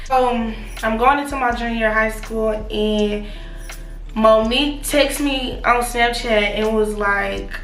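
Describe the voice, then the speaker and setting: Young female storytime vlogger, higher-pitched, gossipy and slangy; roomy sound with music behind. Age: young adult. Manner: animated, slangy, confiding gossipy delivery. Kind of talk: casual gossipy storytime chat. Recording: roomy echo, distant mic, music behind.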